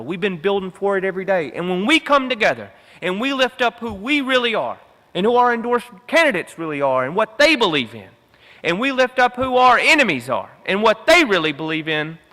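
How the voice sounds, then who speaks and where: Man, fired-up convention speaker, bright forceful tone, reverberant hall, punchy repeated phrases. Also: high voice, big pitch swings, normal speed. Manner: emphatic, repetitive rallying cadence. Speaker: union veterans council director. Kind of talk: convention rally speech.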